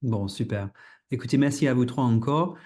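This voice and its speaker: A man hosting a podcast in a casual, halting way, often restarting his phrases. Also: mid-range voice, a little mellow. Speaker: podcast host.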